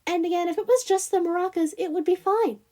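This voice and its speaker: A woman with a Southern US accent and a very high, darkish voice talks quickly while hosting a casual review vlog. As the channel host, she rambles chattily with plenty of fillers and restarts, speaking directly to her viewers.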